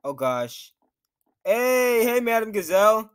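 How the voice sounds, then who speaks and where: Young man, high voice, nervous gameplay commentary, talks to himself. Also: very animated, takes it slowly, fairly bright tone, smooth. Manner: jittery, nervous, talks to himself while playing. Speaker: gaming YouTuber.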